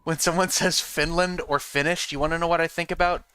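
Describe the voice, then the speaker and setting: This man's voice is on the high side, steady and a little fast, with a bright, forceful, smooth tone; the recording is low quality with no room sound. He's streaming a game and rambling frankly to chat, swearing now and then and often asking "you know what I mean?"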